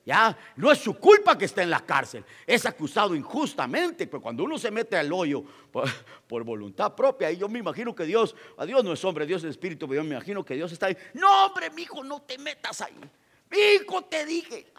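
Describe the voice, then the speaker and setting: A male pastor preaching a sermon, repeating phrases for emphasis and swinging between loud proclamations and quiet asides. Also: sits high, big pitch swings, fast, in a large hall. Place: church.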